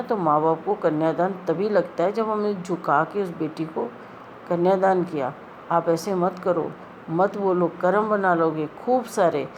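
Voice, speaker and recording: A woman's voice: on the low side, a little mellow, slight background noise, rough recording. A middle-aged woman earnestly retelling a spiritual experience, pleading as she quotes the people in it. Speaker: devotee sharing a spiritual experience. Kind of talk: storytelling testimony.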